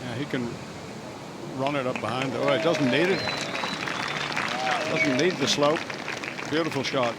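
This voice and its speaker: A man's voice: medium pitch, fairly even intonation, unhurried, long pauses. A man giving live golf commentary as a tournament commentator, calling shots as they happen. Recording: loud crowd and wind outdoors. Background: outdoor tournament ambience, crowd noise.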